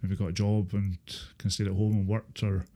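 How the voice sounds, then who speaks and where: A Scottish man in his thirties recalling his life in a casual interview, speaking haltingly with repeated filler phrases. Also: lowish voice, flat delivery, dark tone. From Inverness, Scotland. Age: 30s. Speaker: interview guest, former supported-housing tenant. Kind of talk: casual interview, personal recollection.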